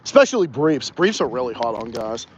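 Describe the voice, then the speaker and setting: A young man with a mild Texas Southern twang hosts a casual outdoor livestream, wandering around as he rambles and swears freely. His mid-range voice moves a little quickly and comes across animated, with a faint hiss or hum on the recording.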